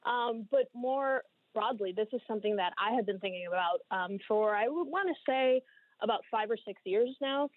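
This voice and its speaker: A woman in her thirties from the Dominican Republic, a guest writer giving measured, thoughtful interview answers with frequent ums. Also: a little high, lively intonation, no room sound. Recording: tinny phone line.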